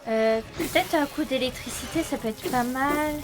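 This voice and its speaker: A young French woman streaming a video game, chatting to her viewers with excitable, panicky repetitions and lots of laughter. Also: high voice, moderate pace, music in the background. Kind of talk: live gameplay commentary.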